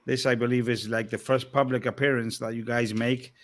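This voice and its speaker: A man co-hosting a casual talk show, speaking politely and warmly welcoming the guest. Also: medium pitch, level tone, a little fast. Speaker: podcast co-host.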